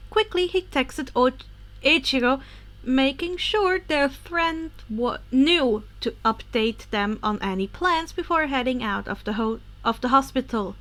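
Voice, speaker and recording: Brief: woman podfic reader, high voice, casual read-aloud narration with quick self-corrections. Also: a bit bright. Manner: casual, occasionally corrects misreads.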